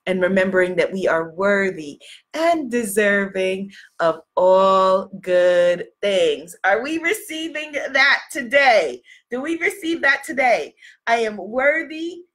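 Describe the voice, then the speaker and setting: Speaking slowly with lively intonation, a woman with a medium, somewhat bright voice hosts a live video stream as a spiritual coach. Despite a cold that has her sniffling, she reads viewer comments aloud and encouragingly repeats affirmations for her audience.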